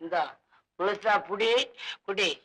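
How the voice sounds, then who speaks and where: A whiny drunken servant. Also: male voice, sits high, fairly even intonation, takes it slowly, pushed and bright, full character voice, low-quality recording. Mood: coaxing. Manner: slurred, wailing drunken comic talk, breaks into song. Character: drunken male estate servant, boozy and whiny. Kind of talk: film comedy scene.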